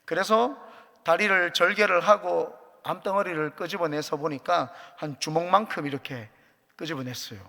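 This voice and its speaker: High-voiced gravelly preacher in a church hall. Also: male voice, moderate pace, pushed and bright. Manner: earnest personal testimony with light jokes. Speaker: pastor. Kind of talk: sermon. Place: church sanctuary.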